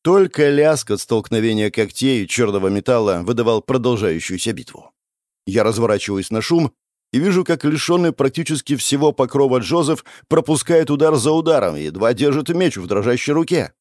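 A man narrating a first-person fantasy audiobook with a dramatic, expressive reading. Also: medium pitch, dry recording, studio quality.

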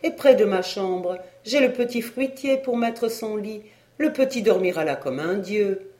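A reader voicing a kind, bustling older woman who talks briskly and reassuringly. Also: mid-range voice, warm tone, natural voice.

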